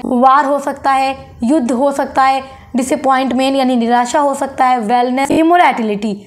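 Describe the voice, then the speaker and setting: A woman teaching a literature lesson, glossing each term and reading English notes aloud slowly. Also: high voice. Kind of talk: exam-prep lecture.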